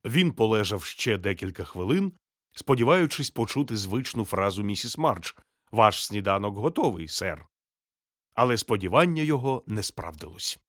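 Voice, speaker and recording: A man narrating a children's storybook in a steady, measured, gently expressive reading. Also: on the low side, no room sound, studio quality.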